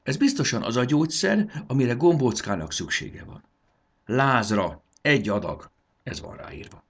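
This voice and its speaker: A man's voice: mid-range voice, animated, pitched above the performer's own voice. A man doing an eager explaining young boy. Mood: earnest. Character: earnest know-it-all young boy.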